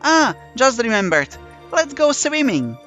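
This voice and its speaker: A man's voice: high voice, very animated, measured pace, a bit bright, muffled recording, faint music behind, voice pushed up, exaggerated voice. A man voicing a playful, mischievous catgirl with cat ears and a tail in an audiobook reading. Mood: teasing. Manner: teasing, sly. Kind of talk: audiobook character voice.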